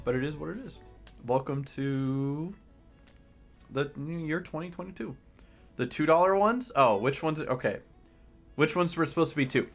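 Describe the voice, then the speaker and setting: A young man streaming live, chatting casually to his viewers and rambling through exasperated complaints, with sudden high outbursts. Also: normal speed, creaky, long pauses, faint music behind.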